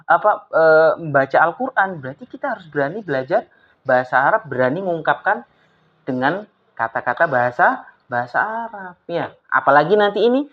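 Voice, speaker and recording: Lively woman teaching children Arabic. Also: low-pitched, fairly quick. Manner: lively, coaxing questions to pupils. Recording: slightly dull lo-fi with faint noise.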